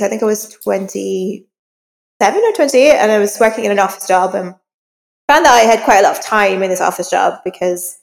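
A gravelly, mid-range voice belongs to this woman, an interview guest. Her anecdotes are personal, informal, self-deprecating and conversational. A long reverberant hall echo colors the audio.

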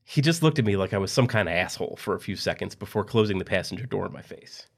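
Low-voiced man narrating a dark tale. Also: expressive, fast talker, gravelly. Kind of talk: scripted dark story narration.

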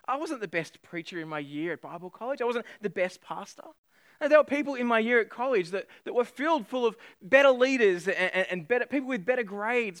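A man's voice: high voice, fairly bright tone, clean tone, no room sound, studio quality. A man in his thirties from Australia, a pastor preaching a sermon and telling a personal story with self-deprecating humor.

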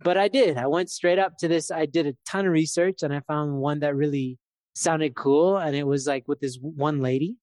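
A man's voice: fairly high pitch, moderate pace, darkish tone, no room sound, studio quality. A man in his thirties, co-hosting a podcast in casual chat, talking in a loose, reflective way with many fillers. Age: 30s. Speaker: podcast co-host.

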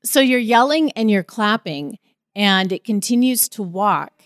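A woman telling a personal story in a casual, animated way, with vivid retelling. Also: mid-range voice, unhurried, dry recording. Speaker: storyteller guest.

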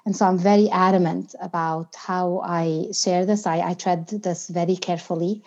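A woman with a somewhat low voice talks reflectively in an interview. Her phrasing is earnest and emphatic, chosen with care. The recording is slightly dull and lo-fi. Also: fairly even intonation, moderate pace, darkish tone. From outside the United States. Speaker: podcast guest, inclusion and diversity consultant.

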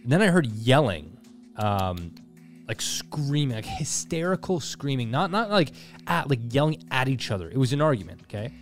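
A man in casual podcast chat, telling a tale earnestly and stopping to reflect. His voice sits at a middle pitch, with faint music underneath. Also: sing-song, normal speed. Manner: earnest, reflective storytelling with frequent restarts. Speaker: podcast co-host.

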